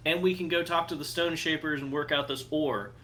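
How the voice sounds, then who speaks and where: A man's voice: a little high, fairly even intonation, fairly quick, pushed and bright. A man playing a tabletop role-playing game, bargaining casually and swearing freely. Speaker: player.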